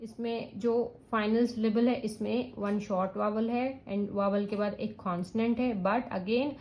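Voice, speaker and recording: Slow, patient woman teaching. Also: mid-range voice, darkish tone, rough recording. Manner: patient, step-by-step explaining with checks like "yes". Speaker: parenting channel teacher.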